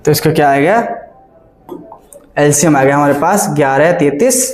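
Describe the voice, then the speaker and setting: A man's voice: a little high, normal speed. Man teaching math in an echoey classroom. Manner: keeps asking the class questions and checking they follow; works sums aloud step by step, repeating numbers. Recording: echoey classroom, faint background noise.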